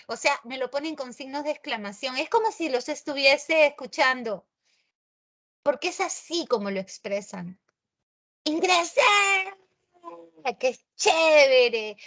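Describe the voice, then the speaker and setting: A woman teacher with a Peruvian Spanish accent giving a grammar lesson in a chatty, expressive way, talking straight to her students. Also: medium pitch. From Peru.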